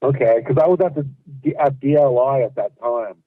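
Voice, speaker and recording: A man's voice: medium pitch, fairly quick, dry recording. A middle-aged man calling in to a radio show. His voice comes over a hollow phone line that sounds like he is talking through a pipe, and he asks plain questions with short restarts. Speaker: caller. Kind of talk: call-in radio chat. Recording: tinny muffled phone line.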